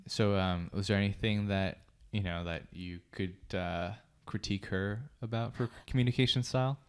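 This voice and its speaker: Smooth low-voiced man. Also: moderate pace. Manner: calm, asks questions. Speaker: podcast co-host. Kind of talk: casual chat.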